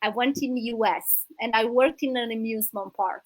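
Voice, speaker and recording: A woman in her thirties from Romania, a native Romanian speaker, telling her life story as an interview guest, warm and grateful with many hesitant fillers. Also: a little high, normal speed, dry recording, poor audio. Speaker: guest, business coach.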